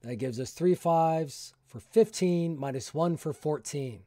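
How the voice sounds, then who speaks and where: A man's voice: a little high, a little slow, mellow, no echo, clean studio sound. A man hosting a solo tabletop game who is getting over a cold, reading prompts aloud and chatting in a self-deprecating way about his dice and choices. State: recovering from a cold.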